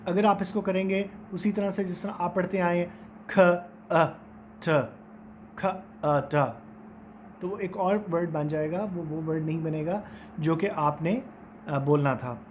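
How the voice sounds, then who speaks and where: A man's voice: sits high, fairly even intonation, darkish tone, slight background noise. A man teaching English phonetics in a recorded lecture, drawing out and repeating each vowel sound and example word aloud. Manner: slow, repeats sounds and words aloud to demonstrate them.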